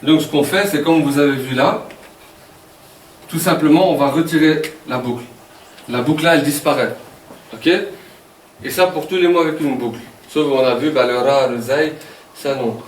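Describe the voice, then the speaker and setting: A man's voice: a little high, moderate pace, long pauses, a little hiss or hum. A man from Wallonia with a Walloon Belgian French accent, teaching Arabic letters to a class in a patient, joking way and checking in with "ok?". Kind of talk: classroom lesson. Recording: echoey classroom from far off.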